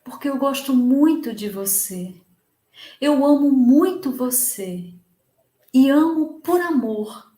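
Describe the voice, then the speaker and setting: Woman doing a gentle, loving male spirit, slow, tender, echoey room. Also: high voice, lively intonation.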